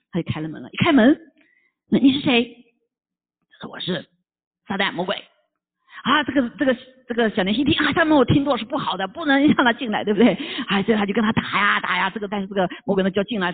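A preacher telling a parable in a sermon, acting out knocks and fights with sound effects and asking the listeners rhetorical questions again and again. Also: medium pitch. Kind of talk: storytelling sermon. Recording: tinny phone-like recording.

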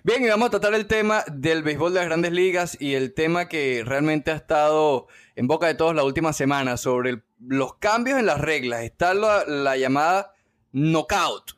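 A man's voice: fairly high pitch, moderate pace, fairly bright tone. A man hosting a sports podcast in a casual, jokey and teasing style.

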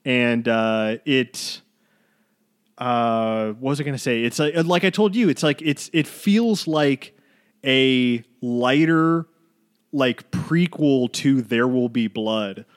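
A man's voice: medium pitch, takes it slowly, clear, resonant tone. A man co-hosting a podcast, chatting loosely about films and rambling, with frequent swearing. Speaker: podcast co-host. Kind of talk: casual chat.

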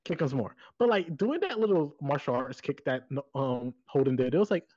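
A podcast co-host giving animated, giggly opinions in casual chat. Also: medium pitch, moderate pace. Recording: dull lo-fi podcast audio.

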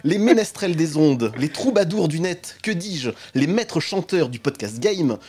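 A man's voice: on the high side, animated, a little slow, crowd noise. A man hosting a podcast with a honking, duck-like voice from being sick, presenting in a playful, theatrical way. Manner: theatrical, joking. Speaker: podcast host.

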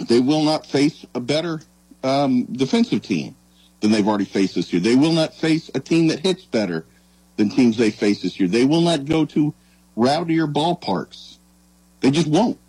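Earnest man with a slightly husky voice. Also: medium pitch, warm tone, no room sound, rough recording. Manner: earnest, halting and reflective. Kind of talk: casual sports talk.

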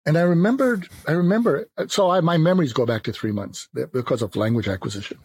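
Husky-voiced man speaking thoughtfully. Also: a little high, expressive, a little mellow. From Jamaica. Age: 50s. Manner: thoughtful, measured, academic. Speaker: philosopher. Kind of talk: reflective interview talk.

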